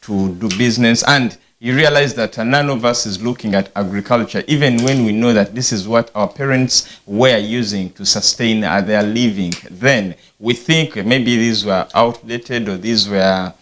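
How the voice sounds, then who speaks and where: A man, hosting a studio discussion and speaking in a measured, reflective way with many fillers. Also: lowish voice, fairly bright tone. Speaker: host.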